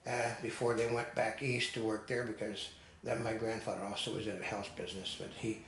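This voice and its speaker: A man's voice: lowish voice, flat delivery, a little fast, fairly bright tone. An older man co-hosting a casual discussion, telling digressive stories and stating firm opinions. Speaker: co-host. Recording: echoey room with faint noise.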